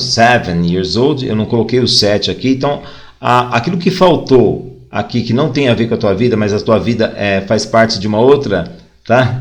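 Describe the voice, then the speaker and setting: A man with a Brazilian Portuguese accent teaching an online English lesson, drilling phrases slowly and then explaining casually. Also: mid-range voice.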